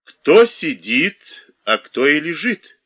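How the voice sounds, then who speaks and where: A man reading aloud, voicing an angry young woman who makes sharp accusations. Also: fairly high pitch, very animated, slow, pitched above the performer's own voice, exaggerated voice. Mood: accusing.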